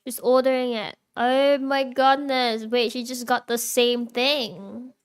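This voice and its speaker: A woman's voice: on the high side, flat delivery, slow pace, clean tone. A young woman streaming live, chatting casually with her viewers, reacting and laughing often while answering chat.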